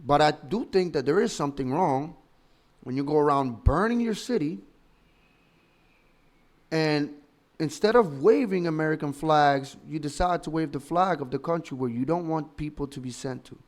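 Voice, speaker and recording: A man's voice: a little high, moderate pace. A man in his thirties from the Dominican Republic, a political commentator giving opinionated, emphatic and argumentative commentary full of rhetorical questions. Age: 30s.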